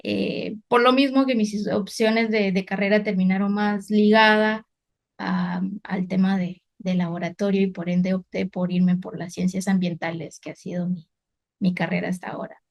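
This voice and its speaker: A woman's voice: mid-range voice, steady tone, normal speed, vocal fry. A woman in her thirties from Guatemala, an environmental researcher telling her career story in a reflective, unscripted way with frequent fillers and restarts.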